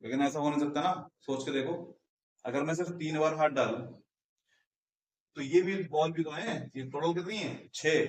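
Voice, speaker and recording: A man's voice: a little high, moderate pace, slight background noise. A male math teacher giving a Hindi-English classroom lesson, explaining step by step and asking and answering his own questions. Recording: echoey room, mic at a distance.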